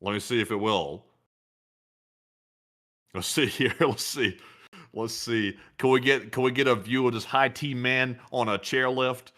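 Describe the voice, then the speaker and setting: A man's voice: mid-range voice, a little slow, pauses often, pushed and bright. A man co-hosting a live stream, chatting casually in a jokey, rambling way. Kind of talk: casual livestream chat.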